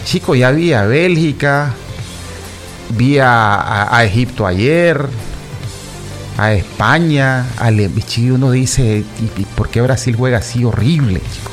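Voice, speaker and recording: His mid-range voice moves a little slowly against soft background music. A football commentator chatting casually with regular listeners, whom he calls "chicos," he rambles, circles back to repeat himself, and stumbles through many fillers and restarts while giving his opinions.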